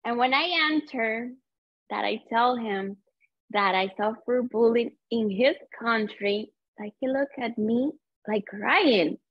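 A woman, talking slowly and earnestly in an interview, often stopping and searching for words. The recording is dry and a little dull. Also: a little high, breathy edge, no room sound. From Cuba. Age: 30s. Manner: earnest, halting non-native English with many fillers. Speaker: guest. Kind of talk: personal storytelling interview.

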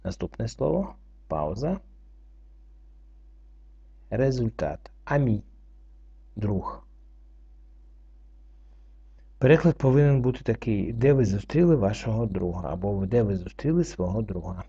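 A man teaching French reading, going through it slowly word by word and spelling out letters and rules. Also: fairly low pitch, animated, mellow, breathy edge. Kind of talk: slow word-by-word reading lesson. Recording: dull lo-fi recording.

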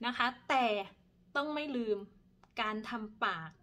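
Woman teacher, thirties, patient pronunciation drill with a slightly high voice. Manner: slow, repeats each word several times; polite, ends phrases with soft particles. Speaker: language teacher. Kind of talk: pronunciation lesson.

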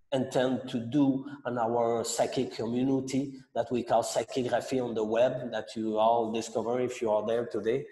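French quebec guy hosting a class online, lots of uhs, kinda dark mellow voice, roomy echo. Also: medium pitch. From Montreal, Quebec. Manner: halting, many fillers and restarts. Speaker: sake masterclass host. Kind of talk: online masterclass introduction. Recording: roomy echo with long reverb.

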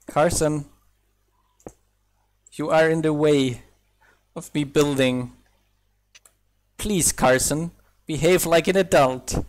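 Long pauses break up his slow, steady delivery, pitched fairly high. A young man with a slight German accent, German being his first language, casually talks through his thoughts while streaming gameplay of a building game he develops mods for.

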